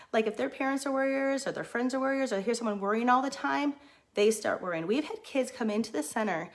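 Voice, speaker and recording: A middle-aged woman who runs a daycare, chatting casually and excitedly on a livestream. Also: medium pitch. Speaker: daycare owner.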